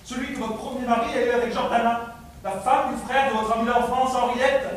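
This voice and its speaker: A man's voice: very high voice, steady tone, a little fast. A man playing a fussy, obliging chauffeur with formal, earnest manners, in theatrical stage comedy style. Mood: excited. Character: fussy, obliging male chauffeur obsessed with his car, muddled actor. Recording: distant, very echoey, slightly noisy stage recording.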